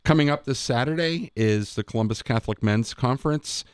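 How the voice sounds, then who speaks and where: A man's voice: medium pitch, brisk, smooth, no echo, clean studio sound. A man hosting a radio show, moving between conversational remarks and announcements.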